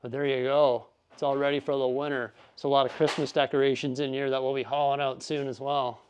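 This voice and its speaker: A man's voice: mid-range voice, level tone, fairly quick, darkish tone, clean tone. A man chatting casually and upbeat in a vlog as he tidies his garage and studio, rambling through asides. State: out of breath. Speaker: vlogger.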